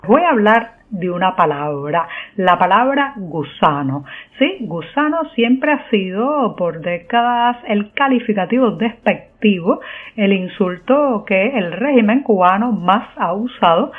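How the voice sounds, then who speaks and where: A woman's voice: medium pitch, lively intonation, measured pace. Woman commenting over a tinny line. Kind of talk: spoken commentary. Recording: tinny phone-like sound.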